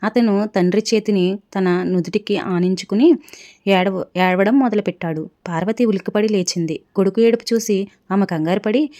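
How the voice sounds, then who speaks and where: A woman's voice: medium pitch, moderate pace, warm tone. A woman narrating a family story aloud, reading it with feeling and speaking the characters' lines herself. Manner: emotional, voices the characters' dialogue herself.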